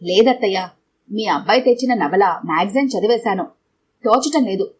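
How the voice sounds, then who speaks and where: A woman's voice: mid-range voice, lively intonation, normal speed, slight background noise, natural voice. A woman voicing a polite, eager young daughter-in-law.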